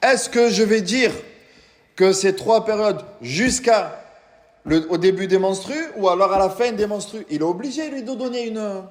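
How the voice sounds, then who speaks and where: A man with a high-sitting voice, speaking at normal speed, is an imam delivering a religious lecture to a live audience. He explains things patiently, asks the listeners questions, and recites Quranic Arabic, all in a reverberant hall.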